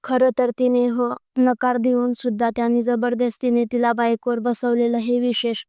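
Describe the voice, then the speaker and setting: A woman's voice: on the high side, monotone, normal speed, mellow, smooth, dry recording, clean studio sound. A woman reading a romantic story aloud as its storyteller, doing every character's lines in her own voice. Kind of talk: scripted story narration.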